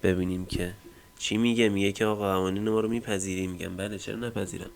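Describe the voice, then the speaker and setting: A man hosting a casual screen-recorded software tutorial, explaining step by step with frequent fillers and trailing line ends. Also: low voice, fairly even intonation, gravelly, a little hiss or hum. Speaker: tech tutorial host.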